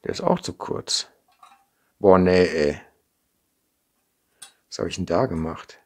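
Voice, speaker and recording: With a deep, darkish voice, lively intonation and a slow pace, a middle-aged man from the Ruhr area demonstrates assembling a kit at his indoor workbench. He chats and thinks aloud in a Ruhr German accent, frequently tagging sentences with a questioning "ne?" as a model kit maker. The unscripted build is recorded by a camera mic over the tabletop, hands in frame.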